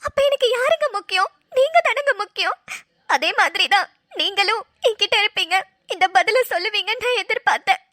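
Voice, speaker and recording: Heavily acted and expressive, a woman's voice plays a young newlywed wife in a Tamil cartoon drama, hurt and insistent as she briskly pours out complaints and pleads through tears. Her very high voice carries a bright, sharp edge, captured dry and close with no surrounding space.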